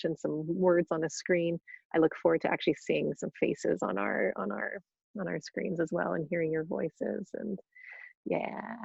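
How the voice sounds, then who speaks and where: A woman chats through a live Q&A on a video call, bubbly and full of restarts. Her voice sits fairly low with a gravelly edge. The sound is dry and a little dull, like lo-fi webinar audio. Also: a little mellow, no echo. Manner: chatty, bubbly, with frequent restarts and laughs. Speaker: yoga teacher trainer hosting a webinar. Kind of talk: casual live Q&A, reading questions aloud.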